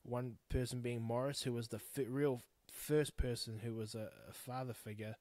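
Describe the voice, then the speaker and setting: Speaking with a warm tone, medium pitch and fairly even intonation at a moderate pace, this Kiwi podcast host in his thirties goes it alone. He rambles candidly, talks frankly and swears a lot, and the recording is dry.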